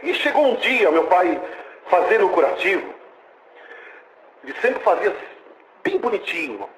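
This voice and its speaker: A man's voice: high-pitched, unhurried, roomy sound, slight background noise, low-quality recording. A Brazilian man preaching a testimony, telling the story with animation and acting out the dialogue. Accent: Brazilian Portuguese. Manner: animated storytelling, acts out dialogue, exclaims praise.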